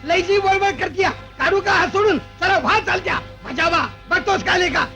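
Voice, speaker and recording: A man's voice: extremely high pitch, normal speed. A man playing a brutal, menacing village bully in an old film drama. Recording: old film soundtrack with music.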